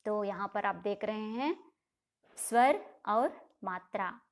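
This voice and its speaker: A woman teaching a grammar lesson to children, asking questions and answering them herself, and drawing out each example slowly. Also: medium pitch, lively intonation.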